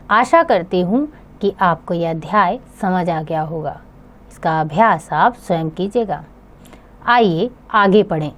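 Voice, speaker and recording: A woman narrating a grammar lesson for children, reading each term slowly and carefully. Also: fairly low pitch. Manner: slow, measured, reads word lists one by one. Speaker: teacher.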